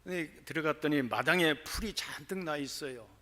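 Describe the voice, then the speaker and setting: A man preaching a sermon, telling his own story in an animated way that turns loud and excited. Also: on the high side, brisk. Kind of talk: sermon testimony. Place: church.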